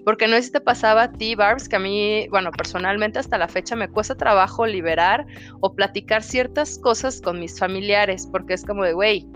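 A woman with a Mexican accent talks in a casual, frank way, full of slang. Her voice sits at a middle pitch, and faint music plays underneath. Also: brisk, fairly bright tone. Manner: frank and slangy, acts out dialogues with her kids. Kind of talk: casual chat.

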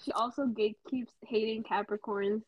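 A woman's voice: fairly high pitch, steady tone, moderate pace, no echo, dull audio. A young woman co-hosting a podcast in casual chat, teasing and laughing often. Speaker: podcast co-host.

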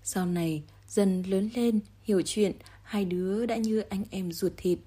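A woman presenting a podcast, reading a scripted introduction in a calm, even manner. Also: mid-range voice, measured pace, slightly rough.

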